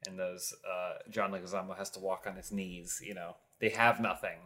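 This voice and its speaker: A man's voice: sits low, level tone, moderate pace, sharp tone. A man co-hosting a casual group chat about movies, rambling and enthusiastic with lots of filler words. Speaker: podcast co-host.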